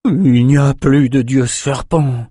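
Massive warrior woman, menacing, man putting her on slow drawn-out delivery, dark tone, dry close sound. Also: mid-range voice, slightly rough, no room sound, voice pushed up. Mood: ominous. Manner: slow, muttering, ominous. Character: huge shaven-headed female warrior, grim and menacing. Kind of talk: audiobook character voice.

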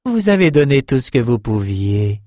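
A man voicing a cruel female sorceress who speaks softly and silkily, recorded dry. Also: mid-range voice, very animated, normal speed, dry recording, natural voice. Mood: silky cruelty. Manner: soft, purring. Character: cruel sorceress twin woman, silky and cold.

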